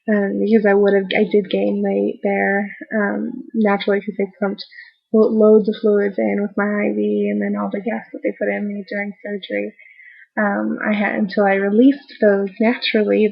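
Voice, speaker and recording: Casting: woman vlogger, worn out post-surgery, flat and croaky, halting casual update, slightly dull home-recorded sound. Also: mid-range voice. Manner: halting, trailing off mid-thought. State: tired and sore after recent surgery. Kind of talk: casual rambling video diary.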